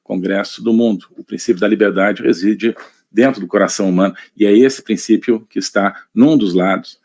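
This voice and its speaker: A man with a Brazilian Portuguese accent giving a live online lecture, measured and thinking aloud with many fillers. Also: lowish voice, a little mellow. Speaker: lecturer on politics. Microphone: computer mic, screen sharing.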